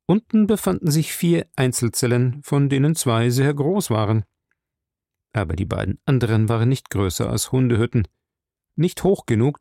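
Gravelly German audiobook narrator, man. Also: mid-range voice, no room sound, clean studio sound. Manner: even, measured storytelling. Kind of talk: scripted narration.

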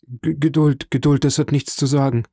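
A man reading an audiobook, voicing a frail, gentle old father who speaks softly and wearily. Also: mid-range voice, steady tone, normal speed, slightly rough, no room sound, studio quality, pitched above the performer's own voice. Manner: soft, weary, hesitant. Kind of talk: audiobook character voice.

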